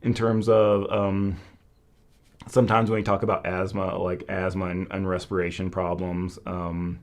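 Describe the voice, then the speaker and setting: Low-pitched man thinking aloud casually. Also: flat delivery, measured pace. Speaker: host of a Chinese medicine Q&A. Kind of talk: casual live Q&A talk.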